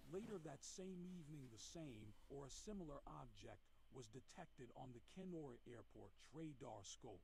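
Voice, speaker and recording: A man's voice: medium pitch, expressive, normal speed, gravelly, hardly any pauses, darkish tone, a little hiss or hum, rough recording. A man reading scripted documentary narration from a played video, his audio heard in one ear only, in the left channel. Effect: heard in one ear only, mono audio in the left channel.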